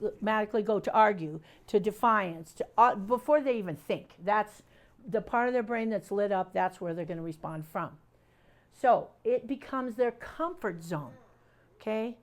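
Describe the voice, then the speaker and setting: An older woman giving an animated training talk to parents, telling stories and acting out voices as she explains. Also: on the high side. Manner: lively storyteller, acts out voices.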